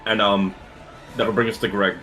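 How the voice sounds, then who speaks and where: Male game master, lowish and bright, halting descriptive tabletop narration over music. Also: little pitch movement, poor audio. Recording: faint music behind.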